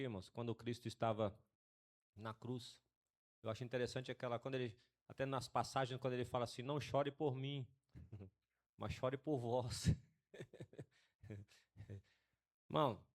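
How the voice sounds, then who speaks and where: A middle-aged man preaching a sermon to a congregation, asking them questions and building to loud, urgent passages. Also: mid-range voice. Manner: asks the congregation questions, adds "né?". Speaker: pastor.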